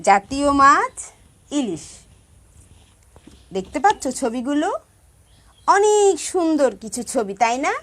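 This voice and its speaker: A woman's voice: sits high, sing-song, takes it slowly, long pauses, fairly bright tone. A woman music teacher giving a song lesson to primary school children, patiently stressing careful pronunciation and checking in with her pupils. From Bangladesh.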